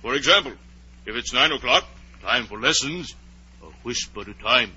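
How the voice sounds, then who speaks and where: An actor playing a mad, touchy, fussy Hatter in a theatrical, blustering 1940s radio drama style. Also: male voice, mid-range voice, expressive, normal speed, bright, forceful tone, breathy edge, full character voice. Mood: lecturing. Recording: muffled old 1940s radio recording.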